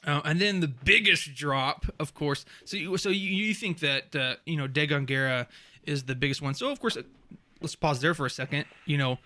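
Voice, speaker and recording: Bright-voiced rambling podcast guy. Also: a little high, moderate pace, dry recording. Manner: rambling, many fillers and restarts, laughs often. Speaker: podcast co-host. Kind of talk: casual chat.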